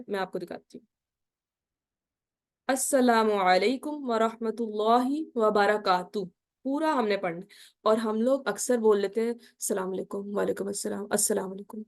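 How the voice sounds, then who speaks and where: High-voiced woman teaching prayer rules. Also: a little mellow. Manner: quizzing listeners with repeated "ٹھیک ہے؟" checks; slow, careful Arabic recitation of the salutation. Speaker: Islamic studies teacher. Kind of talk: online lecture on prayer.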